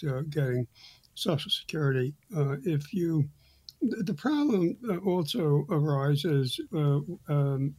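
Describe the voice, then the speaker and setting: A man hosting a financial talk show, answering retirement questions in a halting way with many fillers and restarts. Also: on the high side, mellow, slight background noise. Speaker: financial advisor host.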